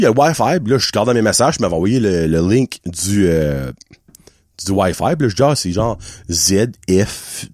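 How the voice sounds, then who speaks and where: A young man with a Quebec French accent tells a casual story with a lively, swooping voice. He acts out the people he quotes. The sound is close and dry. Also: fairly low pitch, dry recording.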